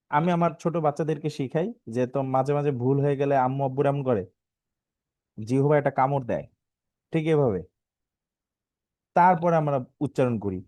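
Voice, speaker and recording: A slightly high, mellow male voice with a Bangladeshi Bengali accent leads a live online lesson on Arabic letter sounds. He patiently drills syllables and has learners echo them, half singing and stretching some sounds. No room sound is audible.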